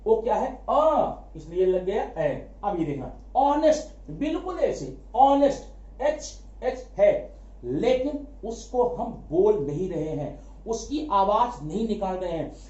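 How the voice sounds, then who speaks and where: A man teaching a grammar lesson, asking quick rhetorical questions, answering them himself and repeating key words for emphasis. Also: high-pitched, sing-song, darkish tone. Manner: addresses students familiarly as brother. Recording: echoey room, dull lo-fi sound.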